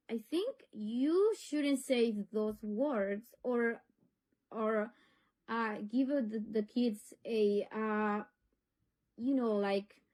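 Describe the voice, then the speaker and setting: A middle-aged Honduran woman, a native Spanish speaker with a Honduran accent, is the parent of a pupil. In a serious conversation she earnestly and insistently makes her case, in a slightly high, slightly mellow voice.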